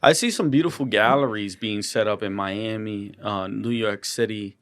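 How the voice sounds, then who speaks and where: A young man of Colombian and Ecuadorian heritage, appearing as a guest artist, talks earnestly in a casual interview with a fairly low voice at a moderate pace. He often restarts and repeats words, and there's no room sound.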